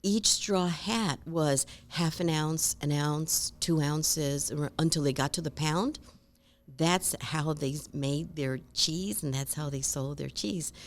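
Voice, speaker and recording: A woman from Rico, a guest telling lively stories in an interview and acting out other people's voices. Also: low voice, slow. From Puerto Rico. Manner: animated, acts out voices and accents in stories. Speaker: guest speaker. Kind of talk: conversational interview storytelling.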